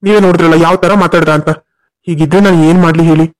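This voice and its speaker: A man's voice: on the high side, steady tone, rapid-fire, close to an everyday voice. A man as a stern family man. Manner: scolding, blunt. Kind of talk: cartoon voice acting.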